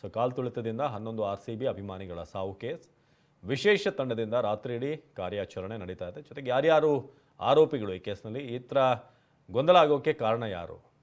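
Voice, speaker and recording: A man's voice: mid-range voice, expressive, moderate pace. Kannada TV news anchor, man. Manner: punchy headline delivery, easing into conversational explanation. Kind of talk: television news report.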